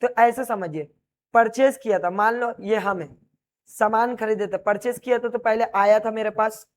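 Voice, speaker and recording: Speaking at a normal pace in a high-pitched, steady voice, this commerce teacher lectures his class. Key terms come out as questions he answers right away, and he keeps talking through explanations as he writes on the board.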